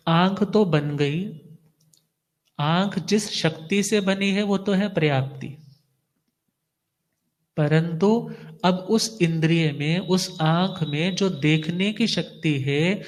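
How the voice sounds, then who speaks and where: A man, a monk, giving a devotional discourse in a teacherly way, posing questions and answering them himself. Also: fairly high pitch. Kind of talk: devotional sermon.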